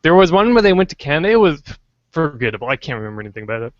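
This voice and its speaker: Podcast host guy, kinda high voice, jokey and rambly, dull lo-fi dry mic. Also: sing-song, very fast, no echo. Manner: joking, rambling, tries several silly intros. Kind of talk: casual podcast chat.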